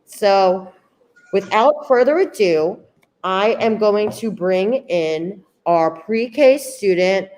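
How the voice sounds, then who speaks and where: A woman's voice: medium pitch, expressive, slow, a little mellow. A woman hosting a school open house, chatting playfully and enthusiastically with viewers and a young student. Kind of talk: upbeat casual chat.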